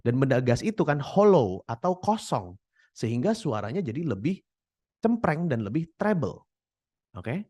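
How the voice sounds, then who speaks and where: A man's voice: medium pitch, unhurried, dry recording, studio quality. A young man, giving a casual, slangy tutorial as a content creation coach and acting out voices to make his points. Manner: animated, demonstrates voices while explaining.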